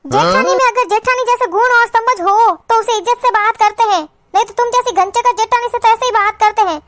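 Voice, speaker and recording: A woman voicing a quarrelsome, sharp-tongued young sister-in-law who scolds and insults in a cartoon. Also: extremely high pitch, a little fast. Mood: insulting. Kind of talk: cartoon voice acting.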